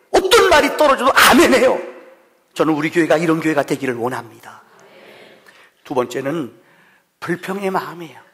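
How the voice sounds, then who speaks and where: A middle-aged male pastor giving a Thanksgiving sermon, telling stories with sudden loud and soft swings and acting out quoted voices. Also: fairly high pitch, creaky. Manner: acts out quoted voices of his son. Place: church sanctuary. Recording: long hall reverb.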